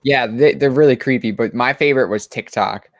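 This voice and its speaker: A man's voice: mid-range voice, a little fast, no room sound. A man co-hosting a comic book chat show, talking casually and enthusiastically with lots of restarts and fillers.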